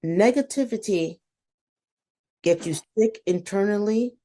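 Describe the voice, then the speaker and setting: A woman talks through a personal story in a relaxed interview and fills it with energy. She is emphatic and blunt, and she acts out her own self-talk in quotes. Her voice sits in an ordinary middle range. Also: mid-range voice, a little slow. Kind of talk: casual interview conversation.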